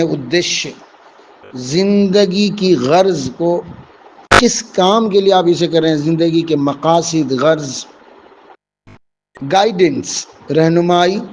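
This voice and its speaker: High-voiced male teacher explaining vocabulary. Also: background noise. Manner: explains each English word slowly with Urdu and Hindi meanings; addresses listeners as dear students. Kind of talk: vocabulary lesson.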